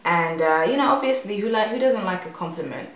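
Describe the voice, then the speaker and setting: A young woman from Uganda telling a personal story to camera in a chatty, animated way, with plenty of fillers and restarts. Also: medium pitch, fairly quick, far from the mic. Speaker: vlogger. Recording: echoey room.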